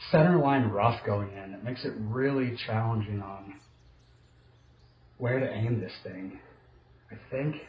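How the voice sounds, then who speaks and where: Echoey, low-key man giving golf commentary. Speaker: golfer narrating his own simulator round. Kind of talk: casual self-commentary on golf play, like a golf commentator. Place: indoor home golf simulator room. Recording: roomy echo, slight noise, dull sound.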